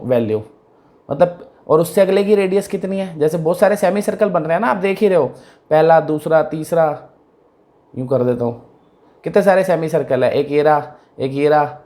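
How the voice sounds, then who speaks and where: Checking again and again whether his students follow, a man gives a conversational math lesson. His voice is a little high with a darkish tone.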